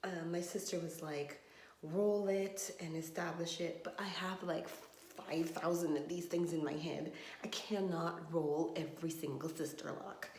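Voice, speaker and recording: In an echoey phone recording with a little hiss or hum, a woman talks from her home bathroom in a casual vlog monologue, frustrated and trailing as she rambles. Her lowish, darkish voice holds a steady tone and runs a little slow.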